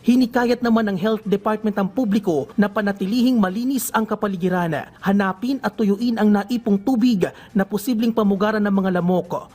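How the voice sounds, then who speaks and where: A male news reporter reading a scripted report in a measured, formal newsreader manner. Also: high voice, darkish tone.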